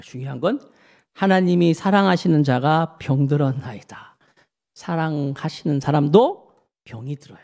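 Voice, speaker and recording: A man, the church's pastor, preaching a sermon, asking the congregation questions and acting out people's words. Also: high voice. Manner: animated, asks the congregation questions; acts out people's words in quotes.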